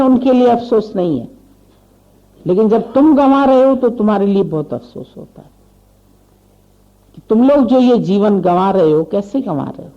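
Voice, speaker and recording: A woman speaking as a spiritual teacher in a devotional sermon, retelling a parable and putting questions directly to her listeners. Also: medium pitch. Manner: retells a parable with voiced dialogue. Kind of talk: devotional satsang sermon with storytelling. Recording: dull lo-fi recording.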